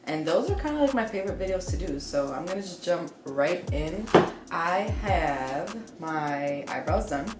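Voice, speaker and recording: A beauty vlogger in her twenties chats candidly to the camera while doing her makeup in a get-ready-with-me video, filling her speech with "like" and "you know." She sounds a little congested, with a low-pitched, animated voice at normal speed. The indoor room, small and lined with shelves, is reverberant, and loud music plays over her.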